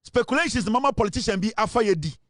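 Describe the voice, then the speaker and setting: A Ghanaian man giving a forceful, insistent monologue as a political commentator. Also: sits high, lively intonation, very fast, no echo, studio quality. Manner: forceful, insistent, mixes English and Twi. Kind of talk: impassioned monologue.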